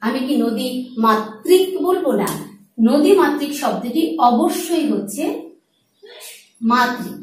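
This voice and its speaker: High-voiced woman teaching in an echoey room. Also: lively intonation, takes it slowly, long pauses, distant mic. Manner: explains step by step, asks and answers her own questions. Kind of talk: board lesson on Bengali pronunciation.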